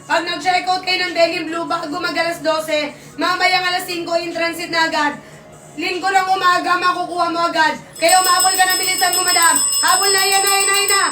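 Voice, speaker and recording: Loud, urgent Filipino woman selling live. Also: extremely high pitch, level tone, brisk, far from the mic. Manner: loud, near-shouting, urgent and repetitive. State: losing her voice. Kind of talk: fast live-selling sales pitch. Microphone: phone. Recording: echoey room, off-mic, faint ambience.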